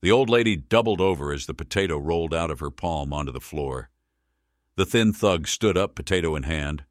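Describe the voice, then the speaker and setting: A man narrating an audiobook in a measured, deliberate reading. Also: rumbling low, expressive, dry recording, studio quality. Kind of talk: scripted narration.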